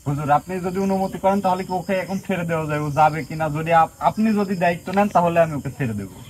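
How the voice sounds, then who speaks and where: A male folk healer interrogates and threatens in a stern, commanding tone. He talks quickly in a somewhat high voice. Faint noise sits under the recording. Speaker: folk healer conducting an exorcism. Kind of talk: possession session.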